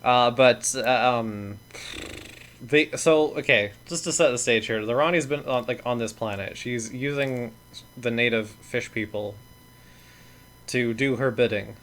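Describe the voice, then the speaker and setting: A man's voice: mid-range voice, a little slow, fairly bright tone, a little hiss or hum. A man co-hosting a casual podcast chat, blunt and ranting, swearing freely and laughing between points. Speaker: podcast co-host.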